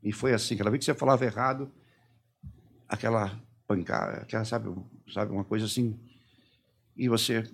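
A man recounts his story in a rush, his voice gravelly and rough. Breathy and husky, he stumbles over restarts and lets phrases trail off unfinished. The telling is an emotional personal testimony. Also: on the low side, fairly even intonation, brisk, pauses often. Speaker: interviewee.

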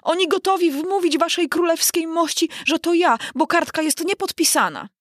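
Woman voicing a shrill, scared knave. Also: lively intonation, moderate pace, no echo, clean studio sound. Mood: defensive. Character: frightened young male knave of hearts.

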